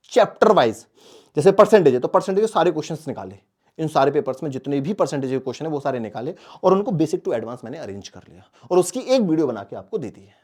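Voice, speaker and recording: Addressing his students on exam strategy, this man poses questions and answers them on his own, stressing and repeating the key phrases. He has a fairly high pitch with a darkish tone.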